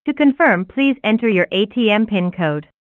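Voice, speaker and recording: A woman's voice giving recorded phone menu prompts in an even, measured delivery. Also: mid-range voice, no room sound, soft background music. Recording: tinny dry phone line.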